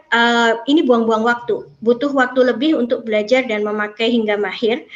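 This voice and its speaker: A woman in her late forties runs an online teacher training session, talking in a chatty way with many fillers and reading out answers from the chat. Her voice sits a little high. The audio is dull and lo-fi, like a video call. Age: 40s. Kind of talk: online workshop presentation.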